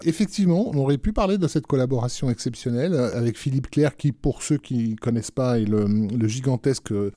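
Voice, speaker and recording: A man's voice: mid-range voice, warm tone, no room sound, clean studio sound. A man co-hosting a casual live show about film music, chatty, with many fillers and frequent laughs. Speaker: podcast co-host.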